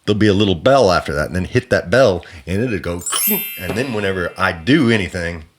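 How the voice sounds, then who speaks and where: A man from the American South hosting a podcast, commenting casually on the news in a rambling, excitable way and laughing between points. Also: sits low, fairly quick, noisy background. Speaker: podcast host.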